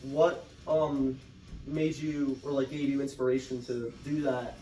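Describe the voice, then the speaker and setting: A man's voice: medium pitch, level tone, a little slow, warm tone, a little hiss or hum. A man interviewing in a casual, rambling way, full of "like" and "um". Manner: rambling, heavy use of "like" and "um". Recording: roomy sound from a distant mic.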